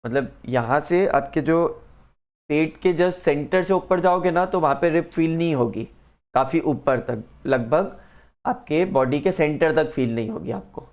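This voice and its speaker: A man's voice: fairly high pitch, measured pace, a little mellow, dull audio. A man teaching science one-on-one, explaining patiently and mixing in English phrases. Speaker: science tutor. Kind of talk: one-on-one lesson.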